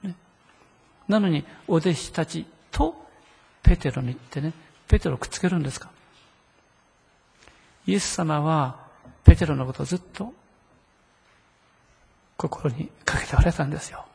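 A man's voice: fairly high pitch, normal speed, creaky, pauses often, warm tone, breathy edge, big-room sound. A man preaching a sermon in a conversational way, often asking the listeners rhetorical questions. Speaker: pastor.

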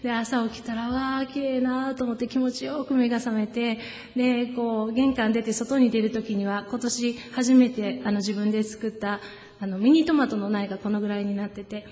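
A woman preacher, giving a sermon with gentle personal stories and slowing down for solemn points. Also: fairly high pitch, steady tone. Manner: gentle storytelling, slows down for solemn emphasis. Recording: echoey hall with long reverb.

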